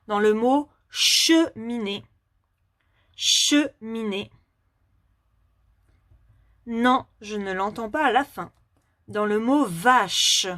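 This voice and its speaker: A woman teaching a phonics lesson to young children, asking questions patiently and clearly articulating each word. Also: on the high side, fairly bright tone, no echo, studio quality.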